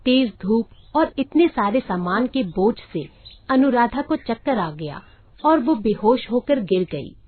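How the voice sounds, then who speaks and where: A woman's voice: a little high, measured pace, slightly rough. Woman narrating a cartoon story, phone-thin. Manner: steady storytelling. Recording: tinny phone-like sound.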